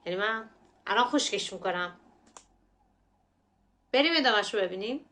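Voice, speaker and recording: A woman's voice: mid-range voice, lively intonation, very noisy. A woman language teacher walks through phrases step by step. She repeats words and pronunciations over and over. Her voice sits in an ordinary mid range. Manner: slow, repetitive, drills words and pronunciation. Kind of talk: explanatory lesson narration.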